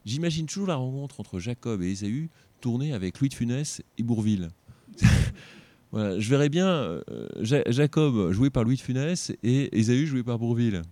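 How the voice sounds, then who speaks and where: A man's voice: mid-range voice, expressive, normal speed, mellow, no room sound. A tired man teaching an informal Bible lesson, reading scripture aloud and breaking off for joking asides.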